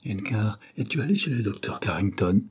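A man voicing a gentle young mother and wife in an audiobook, soft and solicitous. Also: lowish voice, moderate pace, husky. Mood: concerned.

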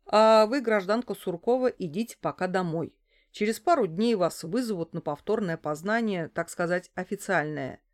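A woman's voice: medium pitch, normal speed, close to an everyday voice. A woman reading as a stern, mocking police investigator. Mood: brusque. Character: brusque male police investigator.

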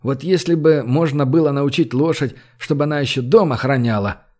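A man's voice: medium pitch, brisk, darkish tone, natural voice. A male narrator voicing a worried, protective man who fusses anxiously over others.

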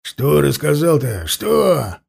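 A man voicing a rough, hot-tempered peasant robber in an audiobook reading, blustering and indignant. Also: medium pitch, lively intonation, unhurried, dark tone, heavily acted. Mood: defiant.

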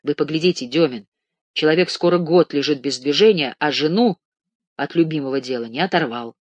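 Man doing a brisk upbeat surgeon, businesslike, dry close read. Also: a little high, dry recording, lo-fi sound, close to an everyday voice. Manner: brisk, approving. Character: brisk, encouraging male surgeon.

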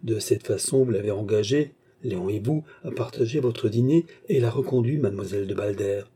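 A man's voice: on the low side, a little fast, warm tone, slightly rough. A man voicing a scheming baronet villain who poses as a kind benefactor, talking in an earnest, persuasive way in a French audiobook novel.

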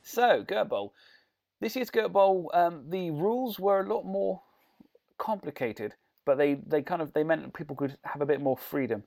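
A podcast host with a Bristol-influenced English accent chats casually, jokey and digressive. His voice is a little high, expressive, creaky, and a little mellow, at normal speed.

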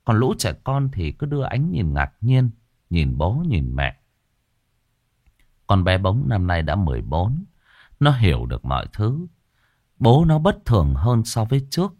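Male storyteller, low voice, lively swooping delivery, dry close recording. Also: unhurried, pauses often, no room sound. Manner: dramatic, expressive. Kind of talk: ghost story narration.

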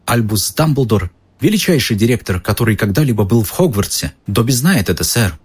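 A man voicing a timid, anxious male house-elf who pleads and keeps saying sir, with a husky voice. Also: on the low side, sing-song, brisk. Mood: reverent. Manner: pleading, calls the listener sir.

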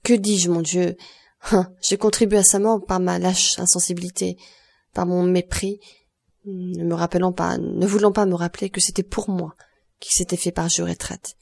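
Reading as a thirty-nine-year-old mourner consumed by guilt, a woman voices sorrowful, pleading self-accusations. Her voice is fairly low, level and gravelly with a darkish tone, at normal speed.

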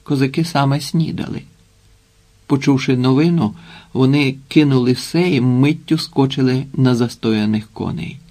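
Gravelly male audiobook narrator. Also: medium pitch, normal speed, warm tone.

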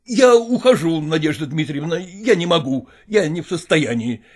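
A man's voice: fairly high pitch, animated, normal speed, breathy edge, voice pushed up. A man voicing an irritable, harassed middle-aged husband and father, talking in an exasperated, firm and pleading way.

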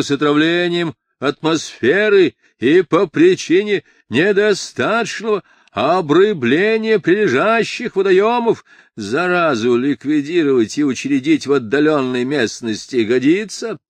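A man's voice: a little high, animated, measured pace, no room sound, pitched above the performer's own voice. Man playing a stubborn, boastful deputy. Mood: stubborn, boasting.

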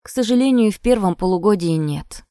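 A formal, polite school manager giving bad news, voiced by a woman narrator. The delivery is measured and courteous, recorded dry and close. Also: medium pitch, lively intonation, dark tone, no room sound, natural voice. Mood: formal regretful.

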